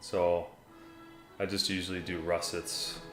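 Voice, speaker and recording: Over classical music and a roomy echo, an American livestream host reads his chat in a low, unhurried voice with little pitch movement. He's laid-back and rambling, frequently saying "man" and "dude."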